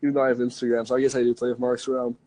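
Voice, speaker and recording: A man's voice: mid-range voice, level tone, rapid-fire, mellow, poor audio. A young man co-hosting a podcast, rambling jokily in casual chat and filling his talk with "like". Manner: rambling, jokey, lots of "like". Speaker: podcast co-host.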